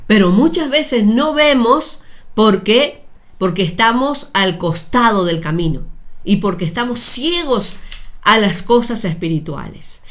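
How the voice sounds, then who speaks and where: A woman preaching a sermon, speaking deliberately with repeated phrases and addressing her listeners directly. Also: medium pitch, lively intonation, a bit bright.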